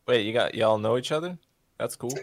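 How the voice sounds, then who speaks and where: A man's voice: mid-range voice, brisk, natural voice. A man voicing a simple-minded, friendly young man in a tabletop game, easygoing and chatty.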